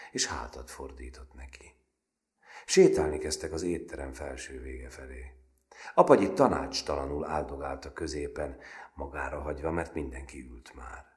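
A male narrator reading a novel aloud, with an extremely deep, low voice. His delivery is measured yet expressive, with a lively melodic line that rises and falls through the sentences.

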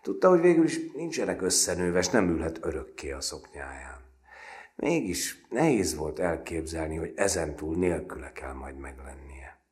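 Very deep-voiced man reading a novel. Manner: measured reading that drops to a hushed, breathy trail at phrase ends. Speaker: narrator. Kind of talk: audiobook literary narration.

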